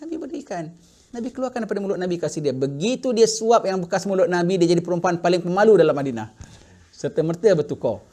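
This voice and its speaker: A middle-aged man teaching a religious class, telling a story with lively acted-out quotes. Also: high voice, fast talker. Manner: animated storytelling, acting out quoted voices. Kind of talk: sermon storytelling in Malay.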